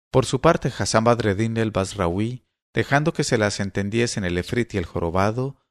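A man narrating a classic tale as an audiobook, in a measured storytelling reading. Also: fairly low pitch, dry recording, clean studio sound.

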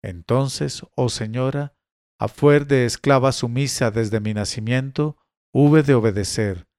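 A man's voice: mid-range voice, measured pace, a little mellow, dry recording, natural voice. A man voicing a submissive young slave woman in a spoken story reading, with a dry sound. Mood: pleading.

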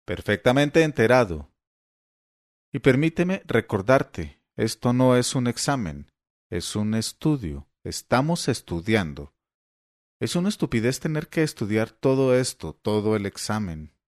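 A man voicing an irritable eighty-year-old father who stumbles over words and turns sharp and shrill when annoyed, read aloud in an audiobook. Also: expressive, no echo, clean studio sound. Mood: testy. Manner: halting, testy, voice rising when irritated.

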